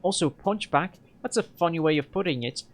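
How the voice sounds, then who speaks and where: Guy doing a scrappy young hacker girl, small voice gone loud and snappy. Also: a little high, brisk, voice pushed up, lightly acted. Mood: angry. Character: young woman decker, small voice turning raucous, feisty.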